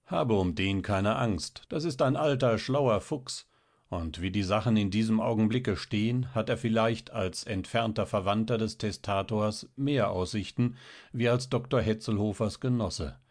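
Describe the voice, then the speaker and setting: A man voicing a genial, knowing middle-aged official and father in a read-aloud story, measured and wry. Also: fairly low pitch, a little mellow.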